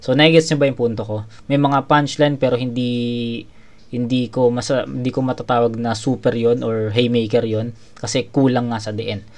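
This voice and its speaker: A man's voice: medium pitch, steady tone, moderate pace. A man reviewing a rap battle in a casual commentary, swearing freely and often restarting his sentences. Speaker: battle judge reviewing a match.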